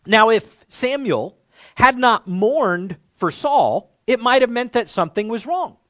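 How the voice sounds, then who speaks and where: A man preaching a sermon, his voice sitting unusually high for a man and rising and falling with lively movement. He talks to his congregation in an earnest, conversational way. The recording is dry and close, with no room echo. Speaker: pastor.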